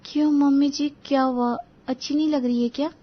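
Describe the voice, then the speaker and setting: A woman's voice: high voice, fairly even intonation, fairly quick, muffled recording, voice pushed up, lightly acted. A woman voicing a timid, eager young daughter-in-law in a cartoon story, polite and anxious to please. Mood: apologetic.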